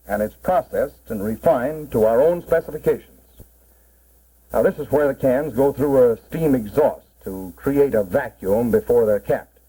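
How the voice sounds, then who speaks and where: A man's voice: mid-range voice, dark tone, breathy edge. A man narrating a 1940s promotional film as a cannery guide, in a plain, instructive mid-century style. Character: cannery man proudly explaining the packing process. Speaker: narrator explaining a cannery tour. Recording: muffled, worn 1940s film soundtrack.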